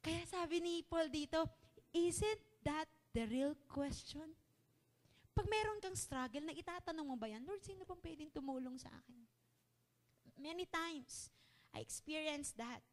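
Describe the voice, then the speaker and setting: A woman's voice: high-pitched, animated, normal speed. A woman preacher giving a heartfelt sermon, confiding personal stories and building to fervent exhortation. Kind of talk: Taglish sermon.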